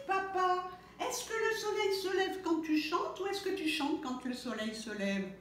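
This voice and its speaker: A woman's voice: very high voice, expressive, unhurried, fairly bright tone, heavy reverb, slight background noise, voice pushed up, heavily acted. Woman voicing a chatty little chick. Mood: curious. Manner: endless eager questions.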